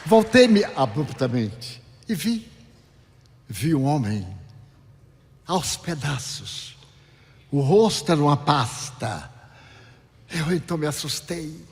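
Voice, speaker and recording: Brief: male spiritual speaker with a Bahian accent, theatrical storyteller, animated delivery, recorded with long reverb in a lecture hall. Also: slow pace, pauses often. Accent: Brazilian Portuguese, Bahian. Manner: dramatic storyteller with big swings in pitch and loudness.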